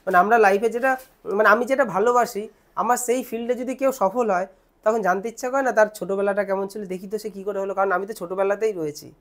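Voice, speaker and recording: A woman's voice: mid-range voice, fairly even intonation. A young woman teacher with a Bengali accent explains a lesson step by step, asking questions and answering them herself. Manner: asks questions and answers them herself, repeats words slowly.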